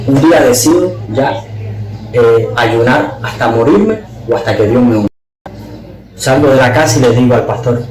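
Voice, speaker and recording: A man's voice: mid-range voice, a little mellow. A man giving an earnest, fervent testimony as a podcast guest, his voice climbing when he is moved. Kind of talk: emotional testimony. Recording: echoey room.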